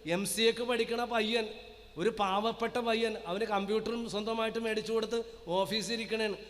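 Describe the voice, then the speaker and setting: A man's voice: high voice, fairly bright tone. A man preaching as a priest, telling stories animatedly and asking the audience questions. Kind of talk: sermon. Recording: long hall reverb.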